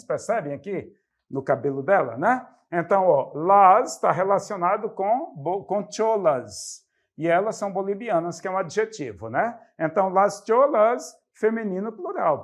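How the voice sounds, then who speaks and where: Brazilian guy teaching a language class, punches the key words, bouncy lively voice. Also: sits high. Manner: lively, stresses example words loudly. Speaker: Spanish teacher. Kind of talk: classroom explanation.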